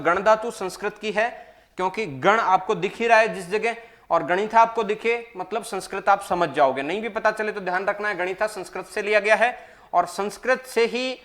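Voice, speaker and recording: A man's voice: high voice, normal speed, fairly bright tone. A man teaching a maths exam-prep lecture, asking the class questions and answering them himself, repeating key points. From Rajasthan, India. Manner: calls listeners "bhai".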